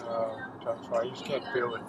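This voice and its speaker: A man's voice: mid-range voice, monotone, quick pace, loud music behind the voice. A middle-aged man chatting casually in a laconic, matter-of-fact way, like a father reassuring his grown child. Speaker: father driving his son home. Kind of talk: casual conversation. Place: inside a car. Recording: muffled, distant, noisy car interior.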